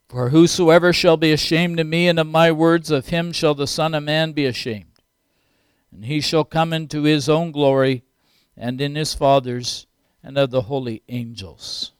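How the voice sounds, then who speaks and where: A man's voice: fairly high pitch, clean tone, dry recording, studio quality. A man in his sixties preaching a sermon, earnest and rising to emphatic peaks. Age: 60s.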